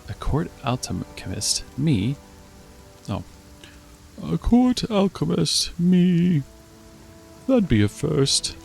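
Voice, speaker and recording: A man's voice: big pitch swings, creaky, soft background music, full character voice. A man putting on a musing old alchemist. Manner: slow, wondering, raised pitch. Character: squinting old male alchemist, wary and musing.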